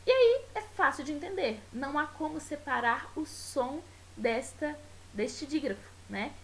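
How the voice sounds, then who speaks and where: Brazilian woman teacher, high-ish voice, patient explainer who draws out example words; slight tape hiss. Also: expressive, poor audio. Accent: Brazilian Portuguese. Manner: explanatory, repeats words slowly and stretches them for pronunciation; checks in often with tag questions. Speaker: Spanish teacher. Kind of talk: recorded school video lesson.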